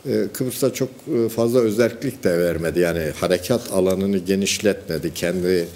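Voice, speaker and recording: A man's voice: sits low, normal speed, darkish tone, slight background noise. A man speaking as a guest commentator in a panel discussion, modest and plain-spoken.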